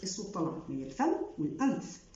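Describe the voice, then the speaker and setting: A woman's voice: on the low side, very animated, dark tone. Egyptian woman explaining pronunciation in an echoey room. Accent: Egyptian Arabic. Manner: explains rules step by step, drawing out example words slowly. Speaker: French pronunciation teacher. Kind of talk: online language lesson. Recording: echoey room, dull lo-fi sound.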